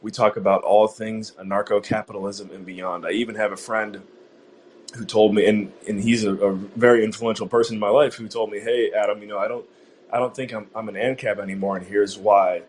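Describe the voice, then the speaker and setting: A man's voice: fairly low pitch, little pitch movement, brisk, darkish tone, slight background noise. A man hosting an online talk show, chatting casually with many fillers and restarts. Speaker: podcast host. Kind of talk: casual interview chat.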